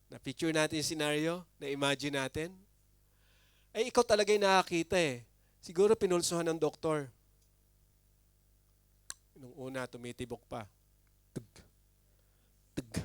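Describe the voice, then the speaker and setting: Animated pastor preaching, dry close sound. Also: male voice, normal speed, pauses often, clear, resonant tone, no echo. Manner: animated, with big swings in pitch and loudness. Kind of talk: sermon.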